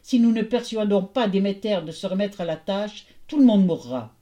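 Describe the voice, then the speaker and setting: A woman's voice: mid-range voice, expressive, normal speed, warm tone, close to an everyday voice. Zeus, a woman doing a thundering king of gods. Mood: grave. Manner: thundering, solemn. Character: commanding male king of the gods.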